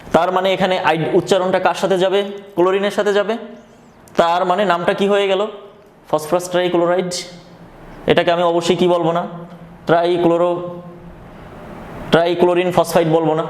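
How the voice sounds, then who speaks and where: A man teaching a chemistry lesson, asking questions and answering them himself, repeating key phrases slowly. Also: sits high. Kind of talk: recorded classroom lesson. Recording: echoey room with faint background noise.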